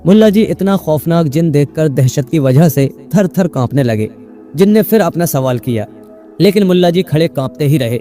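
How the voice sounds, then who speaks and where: A man narrating a comic folk tale in a measured, even storytelling delivery. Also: on the high side, soft background music. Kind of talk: scripted narration.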